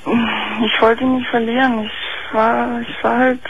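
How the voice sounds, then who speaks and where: Gravelly young woman on a faint phone line. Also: fairly high pitch, little pitch movement, noisy background. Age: 20s. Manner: hesitant, halting, many fillers. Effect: faint, thin phone-line sound. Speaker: caller. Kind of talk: call-in radio talk. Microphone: telephone.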